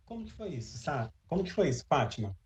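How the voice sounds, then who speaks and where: A man with a slightly high voice conducts an interview. He is informal and conversational, feeling his way through his phrasing. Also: very animated, fast talker, slight background noise.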